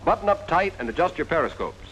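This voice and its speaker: Talking fast in a sing-song, slightly high and bright voice, an American man narrates a 1940s army instructional film on a low-quality recording. His scripted delivery on the vintage soundtrack is direct and instructive, addressing the trainee as "you."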